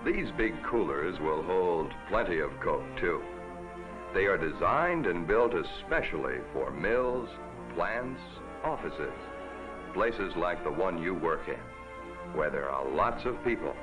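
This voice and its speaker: Man, 1950s TV commercial voice-over: low, lively, folksy salesman read. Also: slow pace. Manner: folksy, upbeat pitchman. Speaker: commercial announcer. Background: music.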